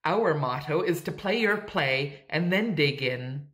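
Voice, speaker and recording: A woman's voice: sits low, animated, measured pace, fairly bright tone. A woman reading aloud, voicing a bold, slangy young woman in a raised, emphatic voice. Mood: teasing.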